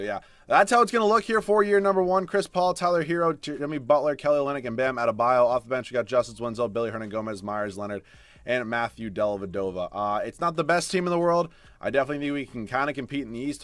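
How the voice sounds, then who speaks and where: A young man talks through his basketball video game in a casual, chatty way at a middle pitch. His voice jumps between quiet grumbles and loud shocked outbursts, and he often swears. The sound is dry and close, with no room around it. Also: fast talker, dry recording. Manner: excitable, swings from mutters to loud outbursts, swears. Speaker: gaming streamer. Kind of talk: casual gameplay commentary.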